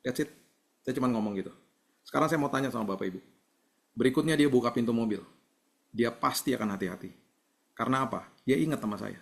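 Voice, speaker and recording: A man preaching a sermon over a video call, speaking gently and conversationally and mixing in English words. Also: mid-range voice, vocal fry. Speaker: pastor.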